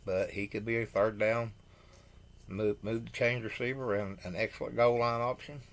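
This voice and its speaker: A man hosting a football news show, reading signings from his notes with halting pauses, stumbling over names and adding blunt opinions. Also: on the low side, steady tone. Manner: opinionated asides. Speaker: host.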